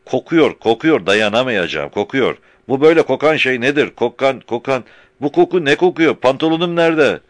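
A man voicing a panicked, pompous middle-aged deputy who shouts in a shrill, frantic voice. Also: expressive, brisk, no echo, close to an everyday voice. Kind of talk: audiobook character voice.

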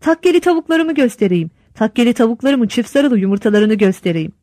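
A proud, chatty village instructor bubbles over as he shows off his yard, as a woman puts him on. The voice rides high with big pitch swings and sometimes shouts. The recording is dry and close. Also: brisk, dry recording. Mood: eager. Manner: excited, shouting to his wife. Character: eager male village instructor, proud and talkative.

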